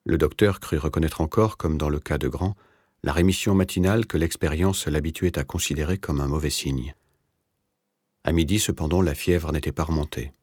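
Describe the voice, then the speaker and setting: A man reading a novel aloud as narrator, in a measured, even literary delivery. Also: rumbling low, husky, no room sound, studio quality. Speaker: audiobook narrator.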